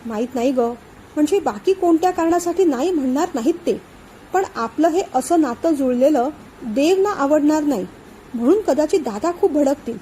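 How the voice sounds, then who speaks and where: A woman reading a storybook voicing a caring young man who speaks gently and earnestly to reassure his love. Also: sits high, animated, normal speed, slight background noise, poor audio. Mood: earnest, worried. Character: young man Vishant, caring, troubled lover.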